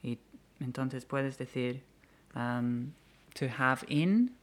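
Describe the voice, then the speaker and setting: A woman's voice: rumbling low, very slow. A British woman, a native English speaker, teaching English phrases in Spanish and patiently repeating each one. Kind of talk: bilingual language lesson.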